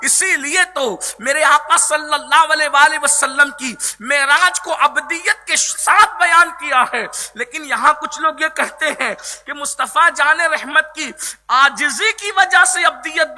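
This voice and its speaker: A man delivering a sermon with impassioned delivery, often shouting and chanting repeated lines of verse. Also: very high voice. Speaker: Islamic preacher.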